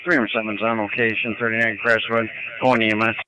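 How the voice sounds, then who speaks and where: Fast-talking man on emergency radio. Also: fairly low pitch, level tone, background noise. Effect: two-way radio. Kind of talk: clipped radio call-ins.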